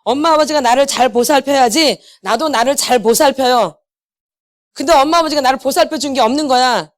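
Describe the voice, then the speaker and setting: High-voiced woman giving a healing lecture. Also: brisk. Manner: emphatic, questions the audience, switches to blunt casual speech. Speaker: inner healing ministry lecturer. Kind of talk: church healing seminar lecture. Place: church meeting hall.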